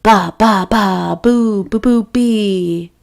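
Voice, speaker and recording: Her creaky, medium-pitched voice carries a children's picture book read aloud at an unhurried, expressive pace, with the characters' quotes given a distinct lift.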